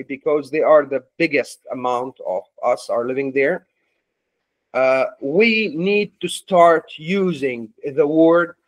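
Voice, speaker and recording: A man's voice: fairly high pitch, poor audio. A man giving an earnest conference speech in English, hesitating often with fillers. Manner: earnest, halting with many fillers. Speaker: conference speaker.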